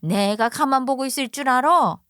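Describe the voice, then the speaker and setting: A woman's voice: high-pitched, normal speed, fairly bright tone, clean tone, no room sound, clean studio sound. A woman voicing a spiteful, greedy older mother-in-law who scolds and sneers in a story radio drama. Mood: contemptuous. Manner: scornful, scolding, contemptuous.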